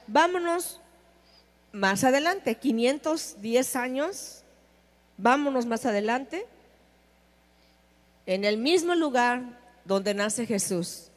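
A woman preaches a sermon in a high voice, taking her time over each phrase. She stresses her points and turns to the listeners with questions. A long reverb trails after her words. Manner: emphatic, asks the audience questions.

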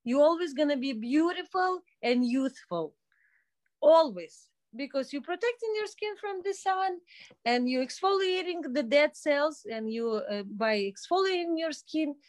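A woman around forty speaks with a Belarusian accent in a fairly high voice. She talks casually as an interview guest, feeling her way through sentences in halting phrases. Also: expressive, a little mellow. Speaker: podcast guest, day spa owner and skincare specialist.

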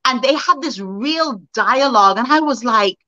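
A woman co-hosting a podcast, talking in a casual, animated way and asking her co-host for her thoughts. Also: a little high, normal speed, no room sound. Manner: animated, conversational, asks her co-host questions. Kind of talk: casual discussion. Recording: dull lo-fi sound.

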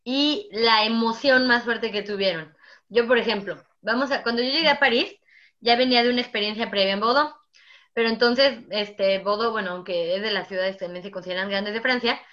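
Animated young Mexican woman telling stories. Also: on the high side, normal speed, highs cut off. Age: young adult. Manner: animated storyteller, acts out her own past words. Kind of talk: casual chat.

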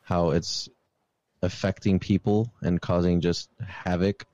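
A man's voice: deep voice, flat delivery, slow pace, mellow, dry recording, highs cut off. A man hosting a casual podcast, giving his opinions and explaining them with examples, often saying "obviously". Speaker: podcast host. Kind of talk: casual chat.

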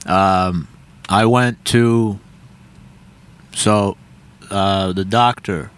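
A young man with a slightly low voice, talking on a podcast recorded in a parked car. He tells loose, profane stories and keeps breaking off and restarting his sentences. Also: fairly even intonation, drawn-out words, clean tone. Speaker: comedian guest. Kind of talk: casual podcast chat.

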